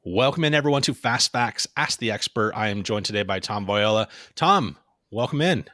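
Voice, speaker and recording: Low, dry-sounding male podcast host. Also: expressive, moderate pace, sharp tone, dry recording. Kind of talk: conversational podcast hosting.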